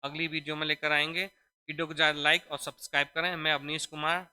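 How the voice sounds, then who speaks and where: A man's voice: a little high, little pitch movement, fast talker, pushed and bright, a little hiss or hum. A man teaching a spelling lesson for exam preparation. He explains step by step, repeats each word, and keeps checking in with his students. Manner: addresses students fondly as children.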